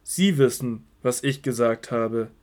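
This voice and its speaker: A man playing a calm, resolute Jesus in a Bible audio drama, speaking firmly and deliberately. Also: medium pitch, close to an everyday voice. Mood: firm, challenging. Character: Jesus, calm, resolute, earnest religious teacher.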